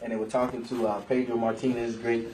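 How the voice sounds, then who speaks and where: A man's voice: medium pitch, level tone, far from the mic, background noise. A man hosting a casual radio interview, chatty and agreeable, often jumping in. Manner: chatty, agreeable, quick to jump in. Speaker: radio host.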